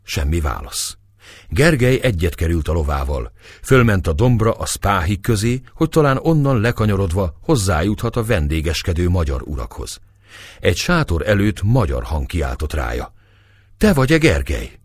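Deep, husky male narrator. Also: very animated, no room sound, clean studio sound. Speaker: audiobook narrator. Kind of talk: scripted narration of a historical novel.

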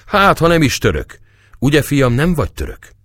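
A man's voice: a little high, big pitch swings, a bit bright, dry recording, clean studio sound, voice pushed up. A man voicing a skinny, hook-nosed old baker woman in a storybook reading. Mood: coaxing. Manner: fussy, triumphant.

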